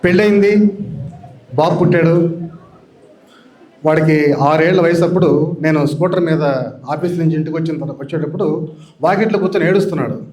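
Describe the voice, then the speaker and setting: A man's voice: fairly high pitch, fairly quick, pauses often, a little mellow. An older man from Andhra Pradesh telling humorous anecdotes to an audience at a public meeting, acting out the voices in his stories. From Andhra Pradesh, India. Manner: storytelling, acting out quoted voices. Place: meeting hall stage.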